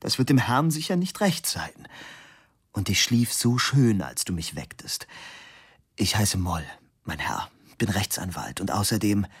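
Ein Mann, der in einer Hörbuchlesung einen verschlafenen, höflich vorwurfsvollen Rechtsanwalt spricht. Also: male voice, low voice, expressive, normal speed, creaky, breathy edge, full character voice. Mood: weary polite. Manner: yawning, courteous, reproachful. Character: sleepy, polite, reproachful male lawyer.

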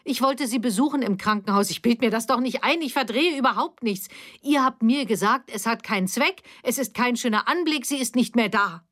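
Eine Frau spricht in einer Hörbuchlesung eine verzweifelte junge Mutter, die flehend fragt und laut wird. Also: female voice, mid-range voice, unhurried, long pauses, close to an everyday voice. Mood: shouting. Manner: pleading, rising to shouting. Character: distraught adult daughter, a young mother.

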